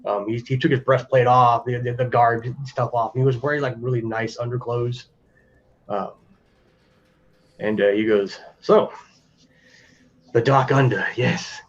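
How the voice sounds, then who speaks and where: A man's voice: mid-range voice, steady tone, normal speed, pauses often. A man narrating as game master in a tabletop game, loose and rambling with many fillers. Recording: dull lo-fi with faint music.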